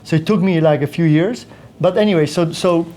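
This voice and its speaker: Guy, 30s, mellow low-key tone, rambly w lots of restarts, little bit of room hum. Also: fairly quick. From Poland. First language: Polish. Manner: rambling with frequent restarts and fillers. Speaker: podcast guest. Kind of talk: casual interview storytelling.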